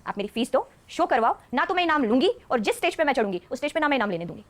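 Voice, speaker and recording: A woman's voice: sits high, big pitch swings, racing. A woman, a stage dancer, telling stories as a podcast guest and often laughing mid-sentence. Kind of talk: casual storytelling interview.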